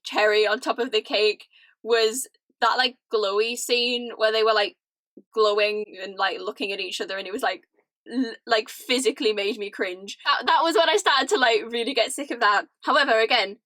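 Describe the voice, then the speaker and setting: A young British woman ranting casually to camera, animated and laughing often, with lots of "like". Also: on the high side, normal speed, no echo. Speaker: vlogger. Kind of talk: casual chatty rant to camera.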